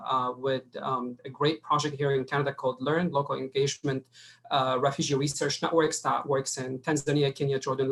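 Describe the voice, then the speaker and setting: Flat-toned man from Syria. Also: mid-range voice, rough recording. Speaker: panelist. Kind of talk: seminar introduction.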